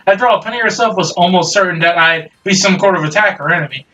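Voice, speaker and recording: A man's voice: high voice, quick pace, sharp tone, dull audio. A young man hosting a let's-play, reading a dating sim aloud with casual, wry asides. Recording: distant mic, faint music.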